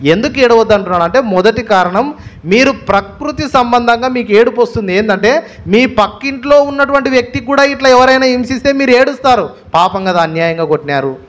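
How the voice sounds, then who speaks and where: A man's voice: very high-pitched, a little fast. A male pastor with a Telugu accent preaching a sermon, stressing his points with repeated phrases and rhetorical questions. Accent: Telugu, Andhra Pradesh.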